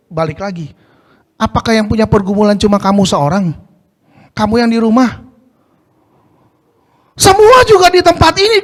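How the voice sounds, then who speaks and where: A man's voice: very high-pitched, a bit bright. A male pastor preaching a casual slang sermon, asking the congregation rhetorical questions.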